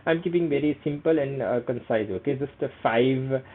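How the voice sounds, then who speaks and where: At a medium pitch and moderate pace, a young male vlogger with a Nepali accent, Nepali being his native language, explains a screen-share tutorial. His English is hesitant, studded with fillers and frequent "okay." The recording sounds tinny, like a phone.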